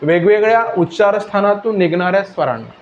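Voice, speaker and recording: A man's voice: high voice, animated, fast, echoey room, muffled recording, a little hiss or hum. A man with a Vidarbha Marathi accent teaching a grammar lesson, repeating points and quizzing his students again and again. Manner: repetitive, keeps quizzing students with questions.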